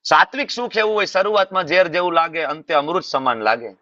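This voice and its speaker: A man with a Gujarati accent giving a sermon in a scripture class, animated, asking rhetorical questions and repeating phrases. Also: a little high, brisk, no room sound, muffled recording. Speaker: preacher.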